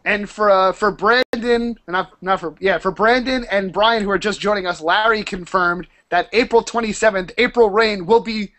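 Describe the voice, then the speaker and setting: A man hosting a casual group video-call chat, chatty and excitable. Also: high voice, moderate pace, few pauses. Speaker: host.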